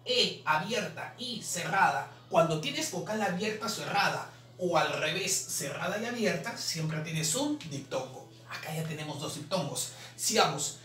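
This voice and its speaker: A man's voice: fairly high pitch, lively intonation, pushed and bright. A man teaching language exam answers, drawing out syllables as he explains. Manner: drawn-out repetition of syllables, explanatory. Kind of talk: exam solution lesson. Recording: roomy, distant mic, faint noise.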